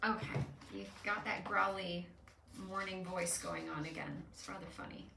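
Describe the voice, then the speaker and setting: A woman's voice: lowish voice, fairly even intonation, moderate pace, vocal fry, noisy background. A woman hosting an emotional card reading, talking casually and explaining at length with frequent fillers. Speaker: host doing card readings with an AI. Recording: echoey room, somewhat far from mic.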